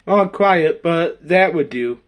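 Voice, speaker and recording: A man's voice: on the high side, lively intonation, takes it slowly. A man narrating and voicing silly characters in a toy role-play video in a goofy way. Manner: goofy, playing many characters.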